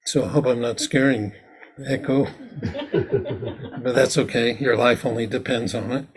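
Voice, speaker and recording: A man's voice: mid-range voice, fairly even intonation, unhurried, a crowd in the background. A man, a Zen teacher, giving a dharma talk in a meditation hall, explaining ritual plainly and then acting out its lines.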